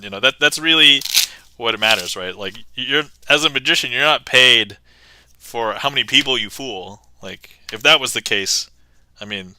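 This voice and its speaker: A man talks through card tricks in casual livestream patter, laughing easily between lines. His voice is vivid and bright, smooth and clean. The sound is dry and close. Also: fairly low pitch, no echo, rough recording. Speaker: amateur magician livestreamer.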